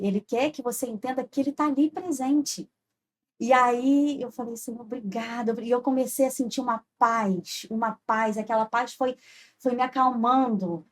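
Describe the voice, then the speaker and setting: A woman, a podcast guest telling an earnest personal faith story and often checking in with "sabe?". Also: fairly high pitch. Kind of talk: heartfelt personal testimony.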